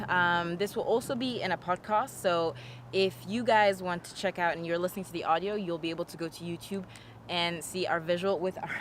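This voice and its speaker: A woman born in England hosting a casual interview, relaxed and hesitant with frequent fillers. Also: medium pitch, slight background noise. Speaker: host.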